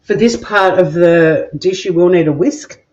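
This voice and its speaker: Unhurried, lowish, and darkish in tone, her voice belongs to a middle-aged Australian cooking vlog host. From her home kitchen she streams live, reading comments and joking with viewers, cursing occasionally, on dull lo-fi audio.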